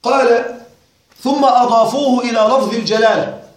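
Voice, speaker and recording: Speaking at a normal pace in a very high-pitched voice, a male teacher gives a lecture on a grammar text. He talks directly to his students in a questioning, wryly puzzled manner, and the room echoes heavily.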